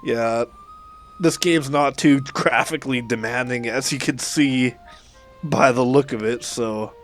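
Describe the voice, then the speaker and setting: Speaking unhurriedly at medium pitch, a man from Western Canada with a Canadian accent rambles casually as he hosts a gameplay video. Faint music plays behind him, and the noisy recording carries game battle sounds and gunfire.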